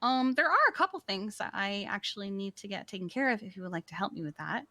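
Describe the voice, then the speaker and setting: A woman's voice: medium pitch, animated, fast talker, sharp tone, dry recording. Woman, roleplay streamer; talks in character, rambling with lots of ums. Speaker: roleplay EMS command player.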